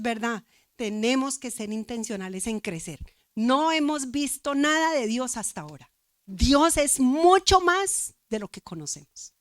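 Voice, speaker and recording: A woman's voice: a little high, no room sound, studio quality. Middle-aged woman pastor preaching earnestly. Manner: emotional testimony, repeats phrases for emphasis. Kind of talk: sermon.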